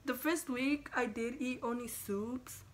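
A woman's voice: on the high side, unhurried. Rambling young woman with braces. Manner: rambling, frequent fillers and self-corrections, casual swearing. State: speaking with braces. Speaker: vlogger. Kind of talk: casual vlog chat.

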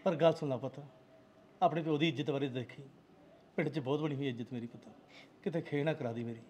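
An actor playing a stern village father who is strict about his daughter's honor and speaks gruffly in a Punjabi accent. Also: fairly high pitch, fast, slight background noise, natural voice. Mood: earnest. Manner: gruff, commanding, softens to pleading. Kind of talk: village drama acting.

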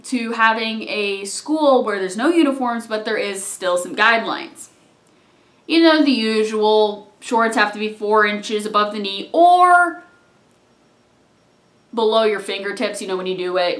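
Speaking at a measured pace with a medium-pitched voice, this young adult vlogger rambles through a personal story from the couch of a small living room. It's a casual storytime vlog, chatty and full of mumbled asides that trail off. Sound comes from a camera on a tripod several feet away, and the room echoes.

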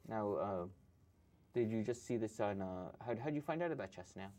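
A young man hosts a live chess show from a dark TV studio, playing as he talks. His fairly low, warm voice has lively intonation at a normal speed, and he chats casually, musing aloud and mumbling to himself while weighing his moves.

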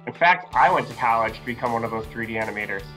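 Upbeat male art teacher in his 30s, bright kid-friendly delivery, soft guitar music underneath. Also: medium pitch, expressive, fast. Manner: upbeat, enthusiastic, talks to children. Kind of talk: online art lesson for young kids. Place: virtual classroom backdrop, indoors.

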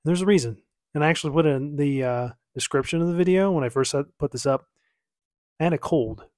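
In a small, lamp-lit home office at night, a man in his thirties reacts casually to one of his old videos, rambling and correcting himself in an easygoing way. His voice is fairly high and fairly quick, a little mellow. The studio sound is clean, with no room sound.

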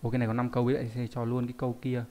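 A man's voice: medium pitch, completely flat delivery, racing, warm tone. A man teaching a live online lesson, reading out viewer names and explaining word readings with frequent rhetorical questions. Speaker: Japanese teacher.

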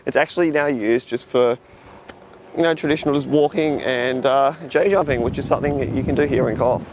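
Chatting briskly in a mid-range voice, a young Australian travel vlogger walks and gestures at a sunny seaside spot with a lookout, jetty and beach. His talk is relaxed and packed with fillers, captured by a tripod-mounted camera a few metres away amid slight background noise.

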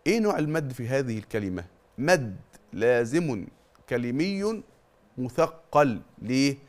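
A man's voice: mid-range voice, very animated, measured pace. Egyptian man teaching Quran recitation rules. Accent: Egyptian Arabic. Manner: drills terms by question and answer, stretching out long vowels to demonstrate. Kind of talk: TV tajweed lesson.

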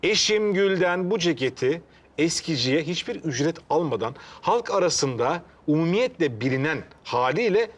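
A man's voice: fairly high pitch, lively intonation, moderate pace. An actor playing a courteous, long-winded man in a comedy series who argues to get his jacket back in flowery, formal words. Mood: patiently formal. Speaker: sitcom character.

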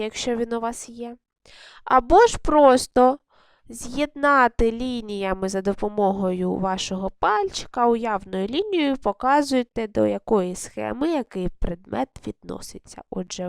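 A woman's voice: on the high side, no echo, studio quality. A woman teaching a recorded lesson to first graders. She asks the class questions, answers them herself, and stretches words out syllable by syllable. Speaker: primary school teacher.

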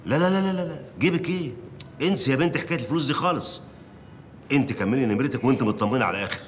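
Casting: a man playing a bossy Egyptian news editor, deep voice, talks fast, office noise behind. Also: natural voice. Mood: brisk. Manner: brisk, bossy, gives orders. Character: hurried male newspaper boss, commanding. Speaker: newspaper editor. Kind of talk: TV drama acting.

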